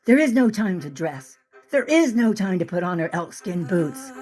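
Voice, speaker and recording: A woman author reading excerpts from her own novel in a vivid, expressive storytelling manner. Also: fairly low pitch, moderate pace, faint music behind. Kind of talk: dramatic audiobook-style reading.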